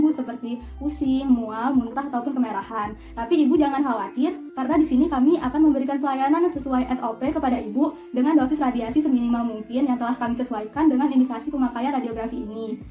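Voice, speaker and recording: A young woman, a dental student, walks through a radiography procedure in an orderly, polite, step-by-step way. Her voice is high with a warm tone.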